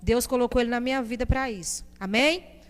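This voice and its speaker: Brazilian woman telling her testimony in church, kinda high voice, long reverb off the hall. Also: brisk. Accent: Brazilian Portuguese. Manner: emotional, addresses the congregation as brothers and sisters. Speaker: church member giving testimony.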